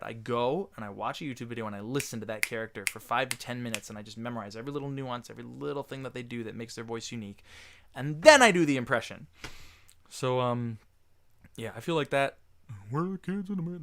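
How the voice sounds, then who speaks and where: A man's voice: medium pitch, fairly bright tone. A man hosting a casual livestream Q&A, chatting loosely and reading viewer messages aloud. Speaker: livestream host answering chat.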